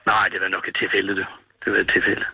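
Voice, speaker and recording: A man's voice: sits low, completely flat delivery, vocal fry, slightly rough, no room sound. A man in his sixties, a crane driver calling in, answering in a plain, hesitant and brief way. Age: 60s. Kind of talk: casual phone interview. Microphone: telephone. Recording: tinny phone line.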